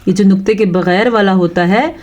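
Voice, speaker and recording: A woman teaching Quran recitation step by step, explaining patiently and drawing out each recited word slowly. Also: medium pitch, a little mellow. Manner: slow, patient explaining with drawn-out recited words.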